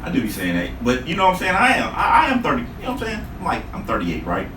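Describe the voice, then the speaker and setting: A man's voice: medium pitch, huge pitch swings, quick pace, sharp tone. A man in his late thirties, a podcast co-host joking and teasing in casual, profane chat. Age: 30s. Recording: echoey room from a distant mic, noisy.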